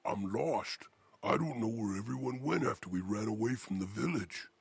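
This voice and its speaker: A man's voice: on the low side, lively intonation, normal speed, gravelly, slightly rough, exaggerated voice. An actor playing a frightened male villager lost in the wild in a video game, speaking anxiously. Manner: anxious, pleading. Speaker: game character.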